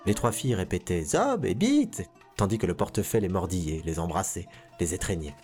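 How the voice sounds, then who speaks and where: A man narrating a literary tale in a measured, expressive reading. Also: sits low, soft background music. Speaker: storyteller.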